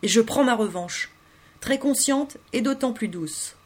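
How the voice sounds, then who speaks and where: A woman narrating a literary story in the first person, reading in an intimate, expressive way. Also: a little high, measured pace, husky. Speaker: audiobook reader.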